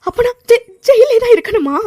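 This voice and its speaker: A woman's voice: very high voice, animated, fairly quick, slight background noise. A woman voicing a spoiled young woman in a cartoon, whiny and tearful as she pleads with her father. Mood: pleading. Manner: whiny pleading, keeps saying daddy. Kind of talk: cartoon voice acting.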